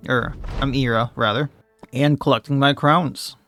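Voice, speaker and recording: A man's voice: medium pitch, steady tone, a little slow, fairly bright tone, soft background music. A man, slightly losing his voice, commenting casually on his own gameplay and thinking aloud as he plays. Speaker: let's play host.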